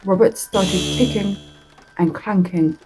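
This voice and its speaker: A woman narrating a horror story in a slow, deliberate reading that draws out its words. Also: medium pitch, music in the background, low-quality recording.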